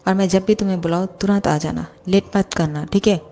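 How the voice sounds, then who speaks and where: A bossy young male boss who has fallen for his secretary, as a woman narrator puts him on. He talks in a clingy, teasing way in a lowish, mellow voice, read out as a fan story. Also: fairly even intonation, brisk, natural voice. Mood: flustered.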